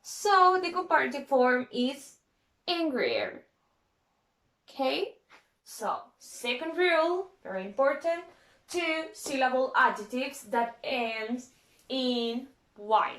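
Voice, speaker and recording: A woman's voice: sits high, big pitch swings, slow pace, a bit bright. A woman teaching an English grammar lesson, spelling out letters one at a time and checking in with "okay?" after nearly every phrase.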